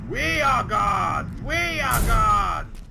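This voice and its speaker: A man playing a crude, excitable soldier in a comic game role-play, blurting and repeating his phrases. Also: sits high, a little slow, music in the background, exaggerated voice. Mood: defiant. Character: crude, excitable male soldier, adopted brother-in-arms.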